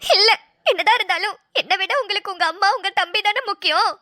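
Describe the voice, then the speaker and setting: A hurt young newlywed wife in a cartoon, voiced by a woman, her complaints spilling out in tearful pleading. The voice sits very high with a bright, sharp edge. It sounds close and dry, with no room around it. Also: fast, no echo. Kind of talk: Tamil cartoon drama voice acting.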